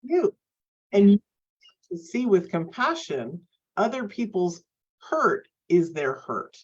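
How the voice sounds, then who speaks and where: A woman's voice: mid-range voice, big pitch swings, slow pace, husky. Woman on a glitchy cutting-out call mic. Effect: mic cutting in and out, dropping words. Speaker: life coach co-host. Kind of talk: casual live online talk. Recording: dull lo-fi web call audio.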